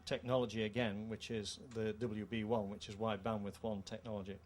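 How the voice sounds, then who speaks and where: Speaking formally and at a measured pace, a British man in middle age, co-founder of the company, walks an interviewer through a product's technical details in an indoor trade show room. His voice is on the low side and his tone level. A handheld microphone picks him up along with clear show-room background noise.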